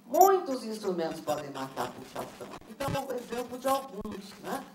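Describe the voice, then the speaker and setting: Lively woman teaching a workshop. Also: on the high side, brisk. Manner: lively, asks the audience questions. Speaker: teacher trainer. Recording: roomy, distant mic, noisy room.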